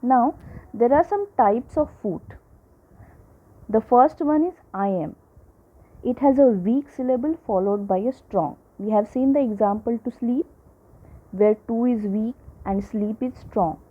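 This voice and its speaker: A woman teaching a lesson to children, slowly repeating each example and checking in with her listeners. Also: a little high, slightly rough. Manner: slow, repeats examples, checks in with "right?" and "okay?". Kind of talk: classroom lecture. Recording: tinny phone-like audio.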